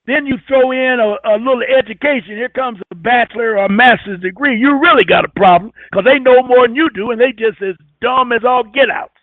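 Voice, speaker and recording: A man with a very high voice holds forth as a radio host, scornful and preachy, repeating his points to drive them home. The sound is dry and close. It comes through a thin, tinny phone line. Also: fairly quick, few pauses, no room sound. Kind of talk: emphatic talk radio lecture. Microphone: telephone.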